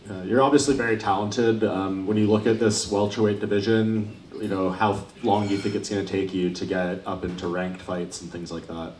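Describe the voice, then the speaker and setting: A male reporter with a low voice puts questions at a press interview. He talks fast. He sounds set back from the microphone in a room with echo. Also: flat delivery, a little mellow. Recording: echoey, distant mic, background noise.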